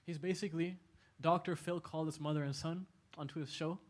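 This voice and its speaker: Guy giving a laid-back religious talk to kids, kinda high voice, gets animated, laughs a lot. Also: a little fast. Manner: conversational, animated, laughs often. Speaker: lecturer at an Islamic center. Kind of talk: casual talk to a youth audience. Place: large indoor hall.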